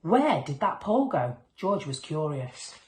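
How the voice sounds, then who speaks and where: The recording, made in an echoey room, features a woman with a deep voice reading a children's picture book at a measured pace. She acts out the dialogue and sound words with lots of expression.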